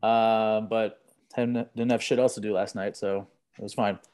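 A man who is a podcast guest, chatting casually in a relaxed way, with loose swearing and chuckles. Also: fairly low pitch, normal speed. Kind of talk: casual chat.

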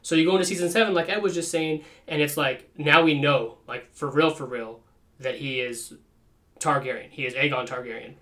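A man's voice: on the high side, fairly even intonation, fairly quick, a bit bright. A man in a casual podcast chat, profane and joking, talking animatedly.

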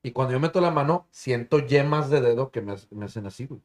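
A man with a Mexican accent telling stories in casual chat, slangy and swearing freely, animated as he retells. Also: mid-range voice, quick pace. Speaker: storyteller in a podcast chat. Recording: roomy echo.

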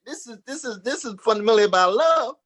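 A man's voice: very high voice, lively intonation, fast, fairly bright tone. A man giving impassioned political commentary in a preacher-like way, calling others "Brother" and "Sister". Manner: rhetorical, uses religious address like "Brother" and "Sister".

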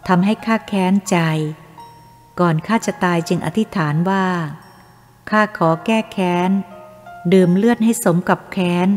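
A woman voicing the vengeful spirit of a man, speaking in a gruff, growling tone of threat. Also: mid-range voice, steady tone, a little slow, a little mellow, close to an everyday voice. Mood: menacing. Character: vengeful male spirit of a maimed servant, snarling. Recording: long reverb with faint music.

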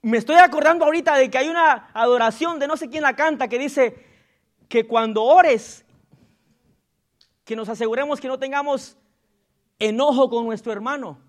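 A man preaching a sermon as pastor in a church, calling out loudly and acting out gossip in low murmurs. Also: moderate pace, pauses often. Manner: preaching with sudden loud calls and acted gossip asides.

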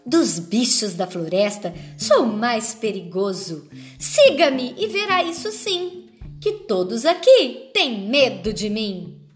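A woman voicing a small, clever, boastful mouse in a storybook reading, with a high, cheeky delivery. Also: very animated, takes it slowly, soft background music. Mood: cheeky, proud.

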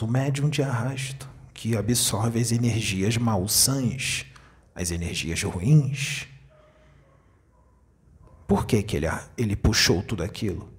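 A man with a Brazilian Portuguese accent giving a spiritual sermon as a spiritist medium, speaking slowly and deliberately and asking his listeners rhetorical questions. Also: fairly low pitch.

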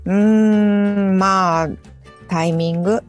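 A woman's voice: mid-range voice, steady tone, slow pace, faint music behind. A woman with a Kansai accent chatting casually as a co-host. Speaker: co-host and illustrator. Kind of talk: casual chat.

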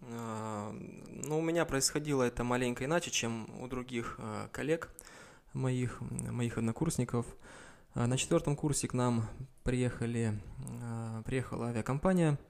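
A man in his twenties, an airline pilot, answering interview questions in a measured, explanatory way with pauses. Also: medium pitch, vocal fry, darkish tone. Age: 20s. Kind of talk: interview answers about career.

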